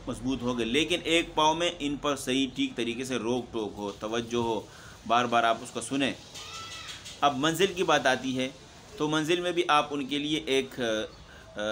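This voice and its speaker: A man who teaches Quran recitation, giving a steady instructional talk to fellow teachers and often pausing to check in with them. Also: medium pitch, slight background noise. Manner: steady explaining, frequent "theek hai" check-ins.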